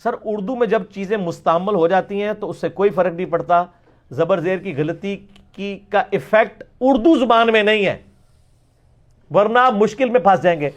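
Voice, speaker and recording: Man lecturer, middle-aged, high pitch; emphatic Q&A teaching, demonstrates words aloud. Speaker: religious lecturer. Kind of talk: question-and-answer lecture.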